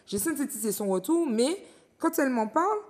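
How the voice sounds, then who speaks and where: A woman from Martinique hosting a studio talk show, who speaks in a measured, reflective way and reads out viewer comments. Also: sits high, animated, a little mellow, big-room sound. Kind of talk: studio discussion.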